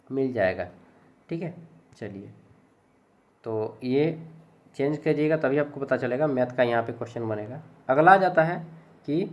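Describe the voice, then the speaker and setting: Man, teacher, chatty and jokey, slightly high voice, dull lo-fi sound. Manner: chatty, jokey, repeats "ठीक है". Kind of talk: casual exam-prep lecture. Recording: dull lo-fi recording.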